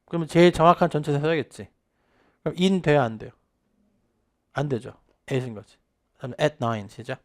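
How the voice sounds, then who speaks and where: An energetic English teacher in his thirties leads an online test-prep lecture at a moderate pace, pausing often. He drills phrases for repetition, swinging his pitch and loudness for emphasis.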